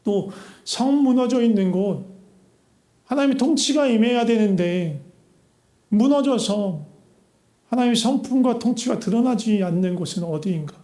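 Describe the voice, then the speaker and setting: A man's voice: sits high, animated, moderate pace, mellow. A man preaching a sermon as a pastor, earnest and full of rhetorical questions, recorded in a church sanctuary. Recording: echoey church hall.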